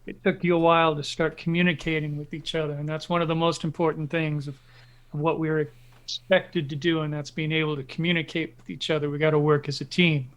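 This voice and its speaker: A man's voice: a little high, little pitch movement, a little fast, smooth, lightly acted. A man voicing a serious veteran hero trainer in a tabletop game, lecturing earnestly and steadily. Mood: stern.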